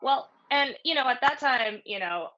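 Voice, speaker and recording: A woman's voice: high voice, lively intonation, normal speed, highs cut off. A woman, a martial arts guest, speaking thoughtfully with many fillers in a casual interview over a video call. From New York City. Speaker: guest, naginata practitioner.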